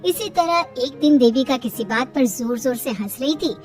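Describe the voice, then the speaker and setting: A woman narrating an animated family story in a steady storytelling manner. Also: high voice, moderate pace, distant mic. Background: soft music.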